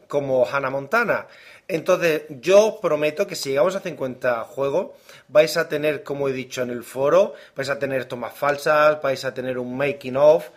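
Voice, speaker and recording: A man with an accent from Spain co-hosting a casual gaming podcast, joking loosely but turning earnest when he appeals to his listeners. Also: a little high. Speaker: podcast co-host.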